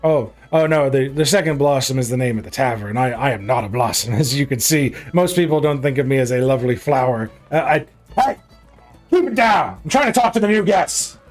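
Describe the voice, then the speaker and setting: A man's voice: mid-range voice, expressive, a little fast, soft background music, close to an everyday voice. Man playing a folksy big orc hostess. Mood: welcoming, chatty. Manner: folksy, chatty, welcoming. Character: large, hospitable, chatty female orc tavern keeper. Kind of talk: tabletop role-play character voice.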